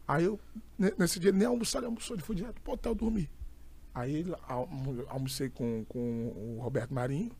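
Young Brazilian preacher, high gravelly voice, animated emphatic storyteller. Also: male voice, normal speed, a little hiss or hum. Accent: Brazilian Portuguese. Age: young adult. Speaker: itinerant preacher and pastor. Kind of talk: casual storytelling chat.

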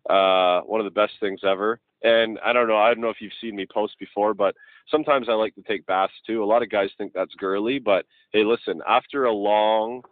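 Chummy host, dry tinny sound. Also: male voice, on the low side, steady tone, fairly quick, no echo. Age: 30s. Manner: chummy, hesitant, many restarts. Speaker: podcast host. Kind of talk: casual podcast chat.

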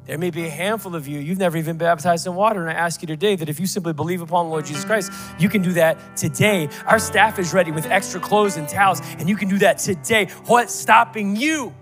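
A man's voice: high voice, quick pace, few pauses, over music. A man preaching a sermon as pastor, emphatic, building with repeated rhetorical questions.

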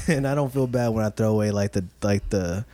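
A man's voice: fairly low pitch, fairly quick, dark tone, dry recording. A man in a casual chat, a father talking with jokes, slang and many fillers. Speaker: podcast co-host, father.

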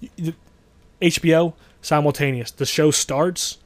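Host type, male, slightly high voice, dry sound, profane and rambling. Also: fairly even intonation, measured pace, no room sound. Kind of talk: casual chat.

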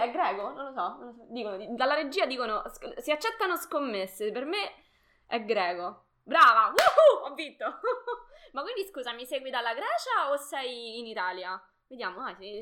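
Bright-voiced young woman hosting a live stream. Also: on the high side. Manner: chatty, greets viewers, laughs often. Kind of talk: casual live-stream chat.

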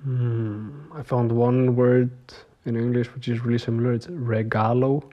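A man's voice: mid-range voice, steady tone, unhurried, lo-fi sound. A young man talking to his viewers in a casual video diary. He rambles, uses many filler words and laughs often between his stories. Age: young adult. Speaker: vlogger.

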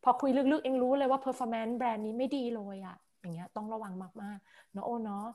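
A woman consultant talking casually on a podcast, animated and quick to exclaim agreement. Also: on the high side, a crowd in the background. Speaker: innovation consultant.

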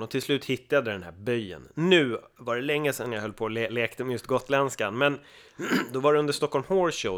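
Podcast guest, man from Sweden, animated storyteller who slips into other people's voices. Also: medium pitch. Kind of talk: casual podcast chat.

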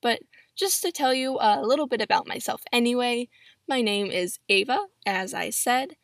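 A woman's voice: fairly high pitch, expressive, moderate pace, no room sound, studio quality. A seventeen-year-old young woman hosting a solo podcast in a chatty way, recorded on a laptop microphone in a pillow-padded closet. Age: 17, teenager. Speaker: podcast host. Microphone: built-in laptop microphone.

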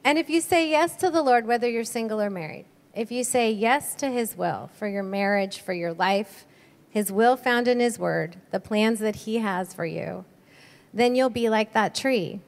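A woman's voice: fairly high pitch, moderate pace, creaky. Woman sharing a testimony in an echoing hall. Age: middle-aged. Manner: earnest storytelling with frequent ums. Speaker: pastor's wife sharing a testimony. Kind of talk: sermon testimony. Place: church sanctuary. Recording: long reverb of a large hall.

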